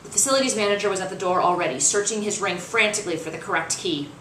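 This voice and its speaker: An author reads her own novel aloud in expressive, audiobook-style narration, very animated and dramatic, acting out the dialogue. Her voice is medium in pitch and her pace is quick. The distant mic picks up an echoey, roomy space with faint hiss.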